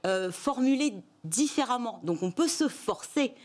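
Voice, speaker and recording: A woman's voice: fairly high pitch, expressive, measured pace. A woman with a Parisian accent delivering a TV column, stressing key points and speaking directly to viewers. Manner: emphatic, addresses viewers directly. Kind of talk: scripted TV column with asides.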